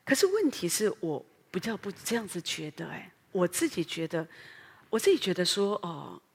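A middle-aged woman pastor with a Taiwanese Mandarin accent, preaching an earnest, animated sermon full of fillers and rhetorical questions. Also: lowish voice, moderate pace, gravelly, slightly rough. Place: church sanctuary. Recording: long hall reverb.

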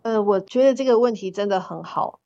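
A woman teacher hosting an online group talk, explaining calmly and encouraging others, with fillers between her thoughts. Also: mid-range voice, dry recording, lo-fi sound. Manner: measured, encouraging, uses fillers like "呃" and "哈". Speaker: teacher and association chair, host. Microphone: phone app in an online audio room.

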